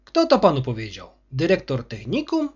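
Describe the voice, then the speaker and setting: A man's voice: mid-range voice, wildly swooping pitch, moderate pace, slightly rough, muffled recording. A man voicing a bullying, arrogant male school superintendent who scolds harshly. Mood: angry.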